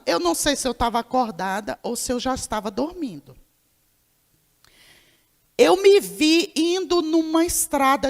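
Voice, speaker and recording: High-voiced woman preaching. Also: gravelly. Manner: storytelling, acts out dialogue, addresses congregation as irmão. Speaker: pastor. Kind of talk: sermon testimony. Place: church hall. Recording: long hall reverb.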